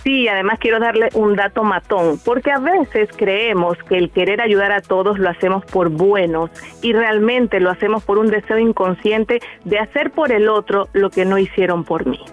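A woman's voice: medium pitch, normal speed, hardly any pauses, narrow, tinny audio, soft background music. A woman psychologist guest explaining earnestly on a radio interview.

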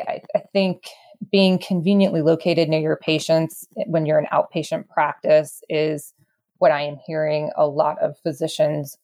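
A woman with a deep, slightly mellow voice is a guest in a conversational interview about real estate. She is thoughtful and halting as she works through her points.

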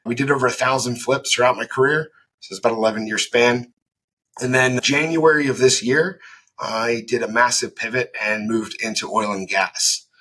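A man's voice: lowish voice, bright, forceful tone, slightly rough, rough recording. A man in his thirties, a business founder, telling his career story as a podcast guest in a laid-back, matter-of-fact way. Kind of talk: casual interview answers.

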